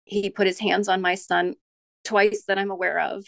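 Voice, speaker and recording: Gravelly-voiced woman recounting her marriage. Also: medium pitch, little pitch movement, no echo. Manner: halting, with frequent restarts and ums. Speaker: podcast guest. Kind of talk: candid interview storytelling.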